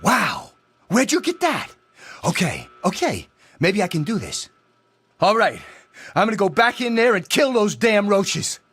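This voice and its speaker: A man's voice: high voice, huge pitch swings, a little slow, a bit bright, slightly rough, full character voice. A young man acting a panicked teenage tough boy in a video game, with an emphatic, pleading, slangy delivery. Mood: nervous resolve.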